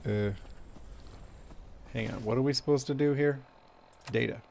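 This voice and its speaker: A man with a creaky, mid-pitched voice does casual game-stream commentary. He thinks aloud in a self-deprecating way, with faint noise behind him. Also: a little slow, darkish tone.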